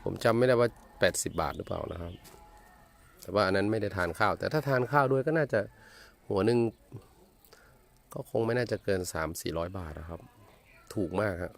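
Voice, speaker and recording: A man's voice: lowish voice, gravelly, a bit bright, dry recording. A man from Thailand talking casually as a travel vlogger outdoors in a village, polite and rambling with many hesitations. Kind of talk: casual travel vlog narration.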